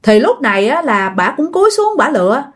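A woman's voice: sits high, a little fast. A woman with a Southern Vietnamese accent telling a ghost story casually, acting out the characters' voices. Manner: lively, acts out the characters' voices.

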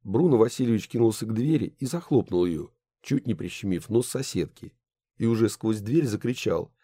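A male narrator reads a story in a measured way, his voice mellow and warm with a lively rise and fall. The recording is dry and close. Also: fairly low pitch, slightly rough, no room sound. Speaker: audiobook narrator. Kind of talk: scripted narration.

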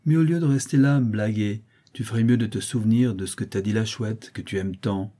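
A man's voice: lowish voice, brisk, mellow, close to an everyday voice. A man voicing a blind, brutal old brigand who growls about revenge. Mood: wheedling. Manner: growling, bitter, menacing.

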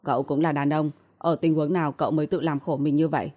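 A woman's voice: sits low, fairly even intonation, fast, mellow. A woman voicing a blunt, protective young man who scolds curtly, in an audiobook reading. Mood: calm. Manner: curt and scolding.

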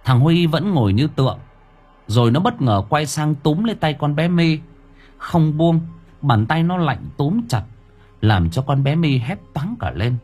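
A man narrating a story in a lively, expressive way. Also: a little high, unhurried, breathy edge, soft background music. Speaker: audiobook narrator.

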